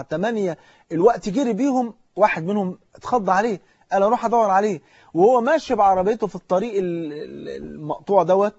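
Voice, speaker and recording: A man's voice: sits high, darkish tone, no echo, highs cut off. A man with an Egyptian Arabic accent preaching a sermon, fervently urging the listener directly.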